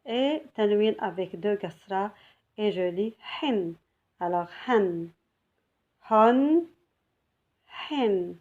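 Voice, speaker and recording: Woman, teacher, beginner lesson. Slow, patient, repeats words clearly. Slightly muffled recording. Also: mid-range voice, dark tone. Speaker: Arabic teacher.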